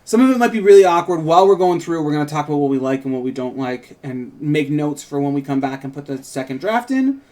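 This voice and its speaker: A man co-hosting a casual, unscripted conversation introduces a script read as its writer, rambling and hedging with frequent "like" and "kind of" as he explains it. His voice is on the high side, mellow and expressive, and he talks fast with few pauses.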